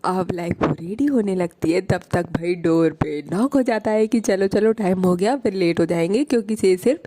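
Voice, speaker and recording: Casting: young female storyteller, casual and chatty, mellow warm tone. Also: on the low side, normal speed. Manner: chatty, conversational, dramatic asides.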